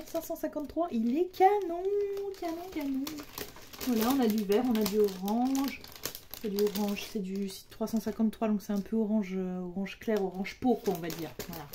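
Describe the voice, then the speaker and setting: A chatty young woman with a fairly high, mellow voice talks her way through an unboxing. She is playful and loose, laughs easily and jokes as she goes. Faint noise sits under her voice. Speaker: diamond painting vlogger. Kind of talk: casual unboxing chat.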